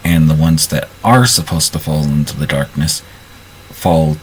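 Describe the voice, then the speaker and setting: A man casually narrating his moves in a role-play, often halting and restarting his sentences. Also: very deep voice, slight background noise, low-quality recording.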